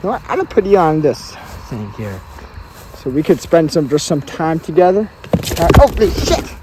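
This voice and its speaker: High, lively, playful man vlogging outdoors. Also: moderate pace, noisy background. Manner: playful, whooping, sings snatches of songs. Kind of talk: casual vlog chatter. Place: outdoors at a backyard bonfire.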